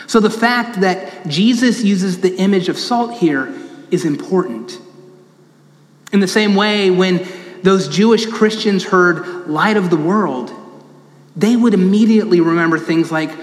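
A man's voice: sits high, a little slow. Man preaching in a reverberant church. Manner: storytelling, emphatic repetition. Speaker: pastor. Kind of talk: sermon. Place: large church sanctuary.

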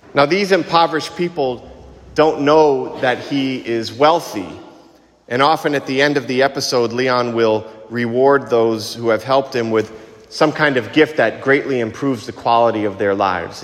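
Man preaching in cathedral-like echo. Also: mid-range voice. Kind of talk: liturgical reading and homily. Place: large reverberant church, cathedral-like echo. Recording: echoey church hall with long reverb.

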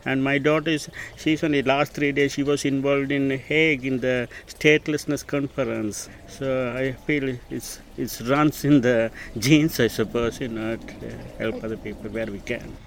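Retired nurse guy in his 60s from sri lanka, gravelly, soft-spoken, outdoors with faint hiss. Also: medium pitch, steady tone, moderate pace, hardly any pauses. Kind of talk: casual conversation. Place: garden outdoors by a pond.

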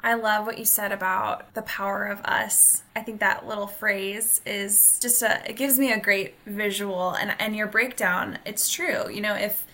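A woman's voice: mid-range voice, steady tone, a little slow, few pauses, pushed and bright. A woman hosting a podcast in casual, conversational talk, with an affirming and encouraging manner. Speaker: podcast host.

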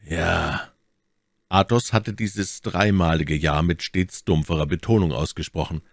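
A man reading a classic novel aloud in a steady, formal narrating manner. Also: low-pitched, normal speed, dry recording, clean studio sound. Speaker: audiobook reader.

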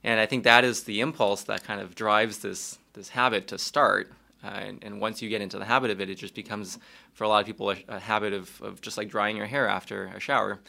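Ear doctor guest, male, low and gravelly, calm and measured explainer. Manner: calm and measured, with small restarts. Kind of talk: explaining medical facts.

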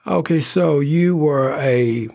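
Guy hosting a local interview show, kinda high voice, gravelly, dry sound. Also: dry recording. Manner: warm, filler-heavy, unhurried. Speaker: host.

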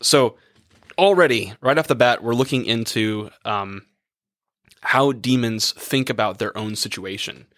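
Hoarse young priest, dry close sound. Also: male voice, medium pitch, measured pace, fairly bright tone, no room sound. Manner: rambling, thinking aloud with many fillers. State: losing his voice. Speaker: priest and podcast co-host. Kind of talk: casual chat, reading letters aloud.

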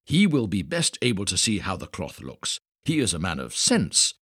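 Man reader as haughty emperor, husky, commanding. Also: low voice, huge pitch swings, moderate pace, a bit bright, no room sound, studio quality, full character voice. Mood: imperious. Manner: imperious. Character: vain, commanding male emperor.

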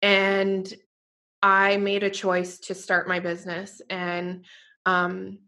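Bright, effusive woman podcast host. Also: mid-range voice, completely flat delivery, takes it slowly. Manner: earnest and effusive, peppered with "like" and casual swearing. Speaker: podcast host and fitness business owner. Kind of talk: heartfelt casual podcast conversation.

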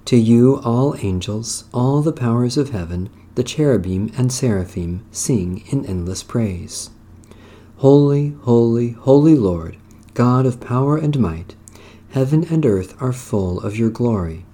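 A man leading worship as clergy, reading prayers and scripture in a solemn, measured, declamatory way. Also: mid-range voice, expressive, mellow.

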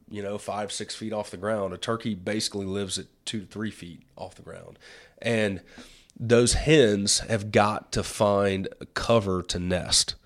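A man hosting a casual chat, explaining things in a folksy, plain-spoken way. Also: fairly low pitch. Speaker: host and turkey conservationist.

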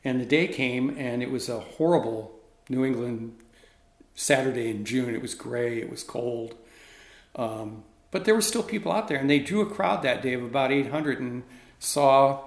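A man's voice: mid-range voice, moderate pace, vocal fry. A middle-aged man, a ministry leader, telling a story in conversation and acting out the dialogue. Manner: animated, reenacts dialogue. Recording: roomy echoey room.

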